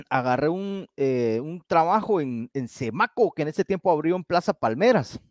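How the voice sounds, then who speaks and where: A man's voice: on the high side, expressive, moderate pace, dry recording, studio quality. A man with a Guatemalan Spanish accent, co-hosting a casual talk show, colloquial and swearing freely as he tells a ghost story. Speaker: co-host.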